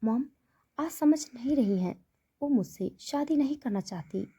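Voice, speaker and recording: A woman's voice: high voice, expressive, unhurried, mellow, breathy edge, exaggerated voice. A woman voicing a serious, earnest young man in a read-aloud story.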